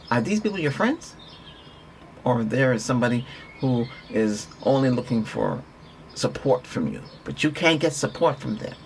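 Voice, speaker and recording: A man speaks at an ordinary pitch, talking through a Reiki healing session in a rambling, earnest way. He repeats himself and restarts sentences as he goes. Birdsong chirps faintly in the background. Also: gravelly, slight background noise. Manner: earnest, repetitive, conversational, with restarts. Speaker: Reiki practitioner.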